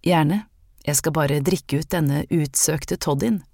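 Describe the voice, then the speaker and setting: A genteel young city lady, lonely and hoarse from a cough, who speaks politely and with refinement, as an audiobook narrator puts her on. She sits close to the storyteller's own pitch. The sound is dry, with no room around it. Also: a little mellow, no room sound, lightly acted. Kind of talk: audiobook character reading.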